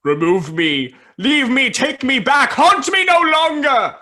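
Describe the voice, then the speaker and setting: An actor in a radio play voicing Ebenezer Scrooge as an anguished, defensive man who cares for money, with a husky, earnest delivery. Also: sits high, lively intonation, slow pace, bright, forceful tone, exaggerated voice. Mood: anguished pleading. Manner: earnest, pleading, dramatic.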